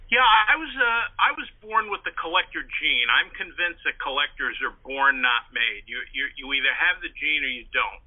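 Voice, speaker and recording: An older man from the Northeastern United States, a writer and historian appearing as an interview guest, casually tells anecdotes and repeats words as he goes. His voice is on the high side and expressive, at a moderate pace with few pauses. The audio comes over a tinny, band-limited phone line.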